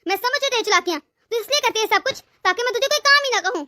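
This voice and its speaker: A woman's voice: extremely high pitch, animated, very fast, sharp tone, no echo, studio quality, exaggerated voice. A woman voicing a harsh, bossy mother-in-law in a cartoon story, berating her daughter-in-law. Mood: scolding. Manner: scolding, berating.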